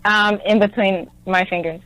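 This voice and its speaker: A woman in her twenties who calls in to an advice show and gives short, quiet answers. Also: medium pitch, fairly even intonation, normal speed, low-quality recording. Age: 20s. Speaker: caller.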